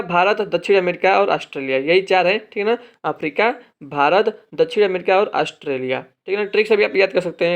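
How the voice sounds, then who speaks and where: A man's voice: high voice, muffled recording. A man teaching an exam-prep lesson, explaining memory tricks and checking in with listeners after nearly every phrase. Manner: explains mnemonic tricks, repeats "ठीक है ना" often; addresses viewers as friends, drawn-out repetitions of key phrases.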